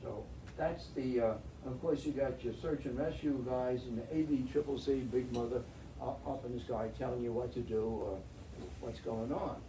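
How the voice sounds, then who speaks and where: With a steady tone, mid-range pitch and moderate pace, an older veteran pilot presents a slide lecture as a guest speaker. He tells stories in a chatty, wry way and restarts often. Recorded by a distant camera in the audience of a meeting room with a projector screen, the sound is roomy and faintly noisy.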